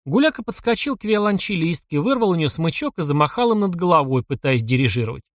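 A man reading a story aloud in expressive scripted narration. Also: fairly high pitch, quick pace, dry recording, clean studio sound. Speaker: audiobook narrator.

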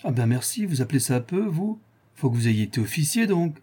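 A man's voice: on the high side, big pitch swings, brisk, mellow, breathy edge, pitched above the performer's own voice. A man reading an audiobook, voicing a frank, superstitious sailor who talks bluntly and earnestly. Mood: scornful. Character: frank superstitious old-time male sailor.

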